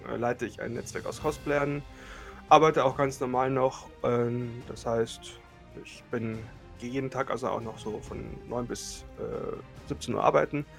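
A man's voice: medium pitch, steady tone, moderate pace, gravelly, soft background music. A man in his late thirties from Germany, co-hosting a casual podcast chat and talking with many fillers and restarts. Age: late 30s. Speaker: podcast co-host.

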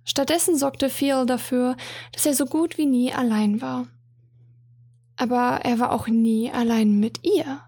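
High husky female storyteller. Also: a little slow, warm tone, no echo, clean studio sound. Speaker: narrator. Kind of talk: reading a romantic fantasy story.

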